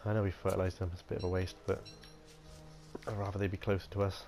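A man's voice: deep voice, little pitch movement, fast talker. A man giving casual let's-play commentary, chatty and playful, talking to himself as he plays. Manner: chatty, playful, talks to himself while playing. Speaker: gaming video host.

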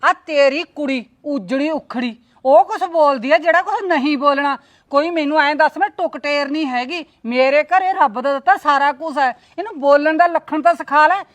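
A sharp-tongued visiting aunt, played by a woman, scolds and complains with constant indignation. Her voice is high and she has a Punjabi accent. The part belongs to a middle-aged woman in a village family drama. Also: moderate pace, lightly acted. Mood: indignant.

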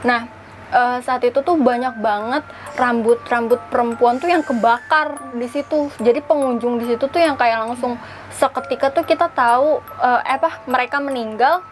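A young woman in her twenties casually retelling a ghost account, halting and searching for words, on a lapel mic in an indoor studio. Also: on the high side, soft background music. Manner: halting, searching for words, animated hand gestures. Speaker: storyteller. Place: indoor studio with a draped backdrop.

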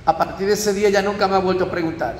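A priest giving a parish talk, telling stories and checking in with the audience. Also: male voice, high-pitched, fairly even intonation, very fast, slight background noise. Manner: storytelling, asks audience with frequent tag "¿eh?". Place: church. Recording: echoey church hall.

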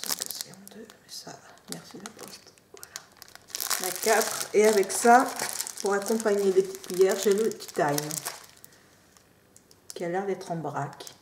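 A woman chatting casually through an unboxing, drifting into soft quiet asides. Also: medium pitch, a little slow, pauses often. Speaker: unboxing vlogger. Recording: roomy echo, faint noise.

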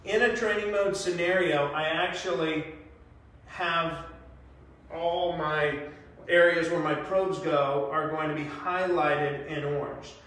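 Man, 30s, casual demo presenter, slightly high voice, loose chatty delivery, recorded far off in an echoey small room. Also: fairly even intonation, takes it slowly, a bit bright. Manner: chatty, loose, many fillers while moving in VR headset. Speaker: sales presenter demonstrating VR training. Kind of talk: casual product demonstration. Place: small carpeted-floor training room indoors. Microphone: far camera.

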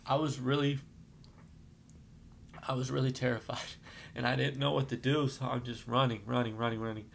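A man's voice: mid-range voice, moderate pace, gravelly, a little hiss or hum. A man telling his own life story, rambling with fillers and restarts, shaken as he recalls the events. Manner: gets shaken and apologizes, trying to calm down. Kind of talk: emotional personal storytelling.

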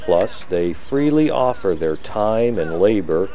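A man giving calm, measured scripted narration for a documentary. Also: low-pitched, a little hiss or hum. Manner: calm, measured explanatory delivery. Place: voice-over, not recorded at the pictured site.

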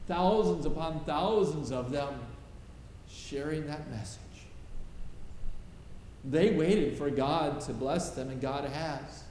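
A man's voice: a little high, slow pace, pauses often, darkish tone. A middle-aged male pastor preaching a sermon from a pulpit, stressing short repeated phrases. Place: large church sanctuary, at a pulpit. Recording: roomy church reverb, faint hiss.

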